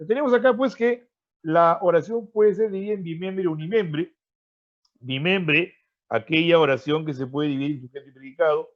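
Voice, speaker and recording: A man's voice: fairly high pitch, moderate pace. A man with a Peruvian Spanish accent teaching an online pre-university grammar class, explaining with frequent tag questions and repetitions and fondly addressing his students as freshmen. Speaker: language teacher. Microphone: video call. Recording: dull lo-fi online-class audio.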